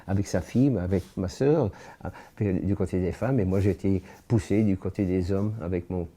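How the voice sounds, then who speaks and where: An elderly French-born man in his 80s gives spoken personal testimony as a witness. His low voice is very dark and mellow, and he recounts events slowly and gravely. He is halting, pausing often and restarting sentences as he searches for words.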